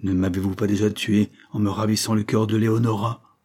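Anguished jealous prince as a man reads him, vehement, low husky voice. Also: little pitch movement, fairly quick, darkish tone, natural voice. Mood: despairing. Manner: vehement, impassioned pleading. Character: anguished jealous prince, a wronged noble husband.

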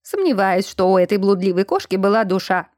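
A woman reading the part of a haughty, sharp-tongued rich old widow who gives curt, scornful retorts. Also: medium pitch, big pitch swings, brisk, no echo, studio quality, lightly acted.

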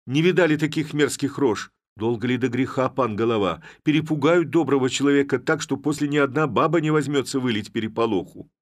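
A man's voice: medium pitch, fairly quick, few pauses, voice pushed up, close to an everyday voice. A man doing agitated rustic village watchmen. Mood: agitated pleading. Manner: excited, pleading, breathless complaining.

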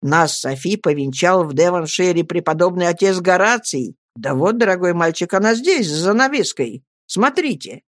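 A reader voicing an excitable, warm-hearted young male lawyer who exclaims and showers his friend with endearments. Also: mid-range voice, normal speed, few pauses, no room sound, clean studio sound, lightly acted. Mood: excited. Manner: effusive, exclaiming, repeating endearments. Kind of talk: audiobook character reading.

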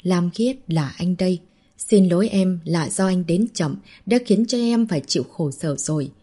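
A devoted young husband and father, voiced by a woman narrator in a storybook reading, speaking gently and reassuringly. The voice sits low, dark and husky. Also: normal speed. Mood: apologetic.

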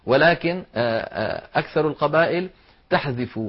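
A male recitation teacher with a fairly high voice leads a careful lesson, breaking each rule down step by step. He pronounces the example words aloud as he goes. The recording sounds dull and lo-fi. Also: expressive, normal speed. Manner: methodical explanation, demonstrating each word aloud.

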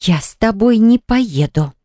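A woman narrator voicing a furious, defiant young mother with high, hissing, indignant outbursts. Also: fast, a little mellow, dry recording, studio quality, lightly acted.

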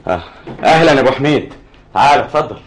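A man's voice: mid-range voice, expressive, rapid-fire, natural voice. An actor with an Egyptian accent playing a nervous, evasive brother who snaps at his sister in a radio drama. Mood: tense. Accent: Egyptian Arabic. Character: tense jealous young brother, evasive and edgy.

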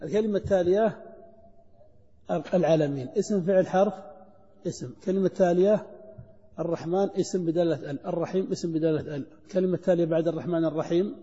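Brief: high, mellow-toned male teacher quizzing a class, dull recording with a long hall echo. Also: fast. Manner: questions students and drills answers. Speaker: Arabic grammar teacher. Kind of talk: classroom grammar lesson.

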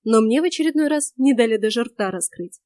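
A woman reads a first-person fantasy story aloud with a lively, wry delivery. Her voice sits a little high. The recording is dry and close, with no room around it. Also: fairly quick, no echo. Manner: lively, wry, expressive reading. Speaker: audiobook narrator. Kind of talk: first-person audiobook narration.

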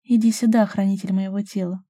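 A woman voicing a playful, teasing young woman in love, speaking high and loud in an audiobook. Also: steady tone, fairly quick, dry recording, studio quality, natural voice.

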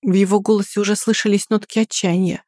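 A woman reading a first-person story aloud in a quiet, restrained way. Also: mid-range voice, flat delivery, quick pace, no echo, clean studio sound. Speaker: audiobook narrator.

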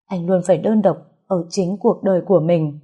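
A woman's voice: lowish voice, moderate pace, dark tone, slightly rough, dull audio. A woman voicing a grief-stricken pregnant young woman who pleads through sobs. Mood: longing. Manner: sobbing, pleading.

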